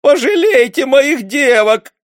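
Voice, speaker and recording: A woman's voice: high-pitched, lively intonation, takes it slowly, no room sound, studio quality, pitched above the performer's own voice. A man reading an audiobook voices a desperate peasant woman, wailing and pleading in rustic speech. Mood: tearful pleading.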